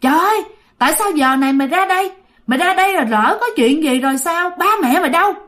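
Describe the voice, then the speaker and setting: A woman voicing a tall young village man who scolds a lost child with rapid-fire questions, speaking in a Southern Vietnamese accent. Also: extremely high pitch, animated, fairly bright tone, voice pushed up. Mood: scolding.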